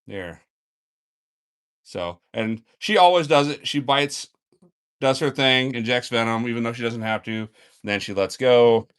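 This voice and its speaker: A man hosting a live snake-feeding stream from an indoor snake room, talking in a relaxed, chatty way as he coaxes the snakes and answers viewers. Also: mid-range voice, smooth. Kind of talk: casual live-stream narration. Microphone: handheld phone camera.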